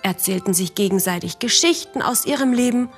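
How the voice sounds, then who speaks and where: A woman narrating a children's story in a gentle, calm way, speaking directly to the children. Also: mid-range voice, brisk, soft background music.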